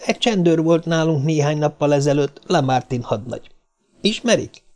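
A man's voice: a little high, lively intonation, darkish tone, voice pushed up, lightly acted. A male narrator voicing a small, cheeky man from a circus who stammers when frightened. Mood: cheeky chatter.

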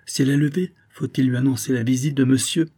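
A man's voice: mid-range voice, fairly even intonation, fast, dark tone, pitched above the performer's own voice, lightly acted. A man voicing a shrewd young valet who speaks deferentially.

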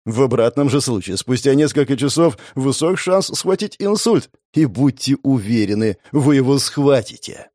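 A man's voice: medium pitch, animated, moderate pace, few pauses, warm tone, no room sound, clean studio sound, natural voice. A man voicing a young male gamer hero who mocks and threatens his enemies, in a raised, grinning tone. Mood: menacing. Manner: mocking, menacing.

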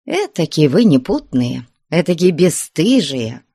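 A woman voicing a good-natured older nun who scolds the convent girls in a high, indignant voice. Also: sing-song, a little slow, mellow, breathy edge, no room sound, clean studio sound, exaggerated voice. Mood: grumbling. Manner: scolding, shrill, scandalized.

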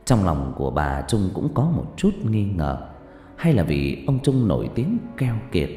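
A man narrating a ghost story in a lively, dramatic way. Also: low-pitched, a little slow. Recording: echoey hall with faint music.

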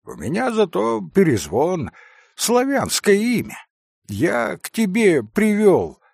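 Brief: man voicing a pushy schoolboy in a storybook, higher and gravelly, rushing his words. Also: dry recording, clean studio sound, heavily acted. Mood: excited. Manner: insistent, rushed and excited. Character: eager, bossy teenage schoolboy, talking fast.

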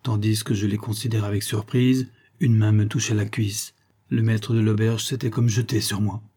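A man reading a novel aloud in a steady, measured storytelling manner, with a husky voice. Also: on the low side. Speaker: audiobook reader. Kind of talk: scripted narration.

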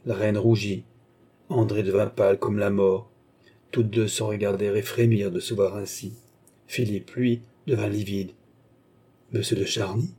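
A man narrating a classic novel as an audiobook, in a measured, dramatic way. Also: fairly low pitch, little pitch movement, mellow, husky.

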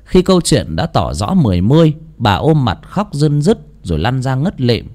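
A man's voice: mid-range voice, huge pitch swings, normal speed, dark tone. Dramatic male ghost story narrator. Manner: dramatic, suspenseful.

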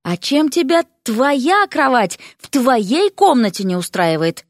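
A woman's voice: high voice, very animated, slow, no echo, studio quality, pitched above the performer's own voice, exaggerated voice. A woman doing a bossy young student. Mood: impatient.

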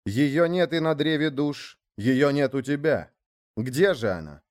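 A man puts on a calm, stubborn shaman in a storybook tale, pitched higher than the narration and humble in tone. He chants with a clear, ringing voice and keeps a steady resolve. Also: a little slow.

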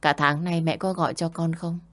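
A curt, commanding wealthy father , read by a woman narrator in a storybook drama. He gives orders in short, clipped lines, in a low voice. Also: little pitch movement, normal speed, lightly acted.

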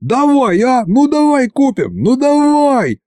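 An overexcited boyish hero bursts out in high, drawn-out squeals of wonder, as a man puts him on. His pitch leaps far above the reader's own, yet the tone stays dark. The room is dry and close. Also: wildly swooping pitch, dry recording, exaggerated voice. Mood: thrilled. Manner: high, squealing, stretched-out shouts. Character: excited boy-like hero shouting with wonder.

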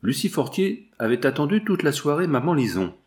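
A man narrating an audiobook in an expressive, dramatic style. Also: a little high, fairly quick.

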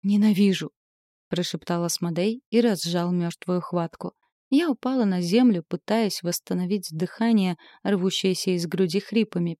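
A woman narrating a first-person fantasy novel in an expressive audiobook reading. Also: fairly low pitch, no room sound, clean studio sound.

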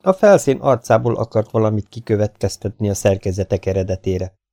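A man narrating an audiobook in a lively, dramatic reading. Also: fairly low pitch, no echo, studio quality. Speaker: audiobook reader.

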